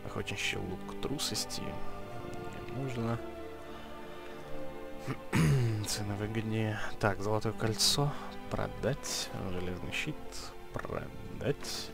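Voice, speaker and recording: A let's play host talks casually over game music, muttering item names and tossing in dry, sarcastic asides. His voice is fairly low, slow and gravelly.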